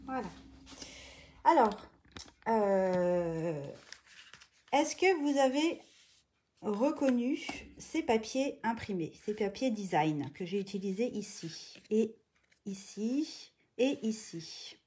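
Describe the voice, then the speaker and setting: A woman hosting a live craft tutorial, chatting casually, greeting viewers by name and filling pauses with hesitations. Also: medium pitch, lively intonation, warm tone, slight background noise. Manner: chatty, greets viewers by name mid-sentence, many fillers.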